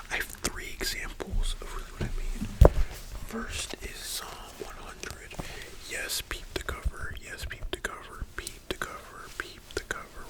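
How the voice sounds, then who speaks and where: An ASMR performer plays a librarian in a whispered role-play, rambling casually through personal opinions in a soft, breathy library whisper that stays almost completely unvoiced. The recording quality is low.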